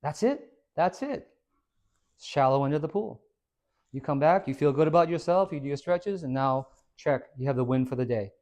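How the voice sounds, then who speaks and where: A man who is a fitness trainer, giving an informal, energetic talk to a small audience. He quizzes the listeners and tags many points with "right?". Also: fairly high pitch, moderate pace. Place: hair and skin salon, indoors.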